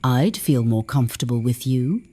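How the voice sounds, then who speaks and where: Woman voicing a quiet, regretful man. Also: a bass voice, animated, moderate pace, slight background noise, voice pushed down. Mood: pleading.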